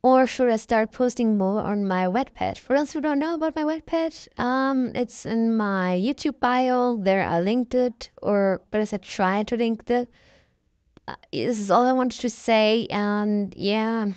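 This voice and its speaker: In a rambling, casual vlog, a content creator uses a voice changer filter, giving a young-sounding voice. It's medium-pitched, unhurried, a little mellow, and smooth. The audio is dull, with no echo.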